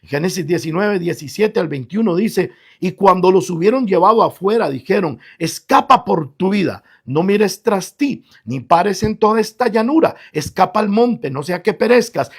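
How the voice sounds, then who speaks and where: Male pastor, high gravelly voice, emphatic radio sermon. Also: animated, normal speed, hardly any pauses. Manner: preaching with rising emphatic bursts.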